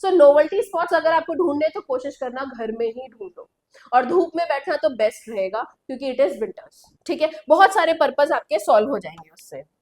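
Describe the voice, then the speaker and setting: A woman's voice: high-pitched, expressive, normal speed, darkish tone. A woman coaching teacher giving study tips to students in a chatty lesson, often checking in with them as she goes. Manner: chatty, addresses students directly with repeated tag questions.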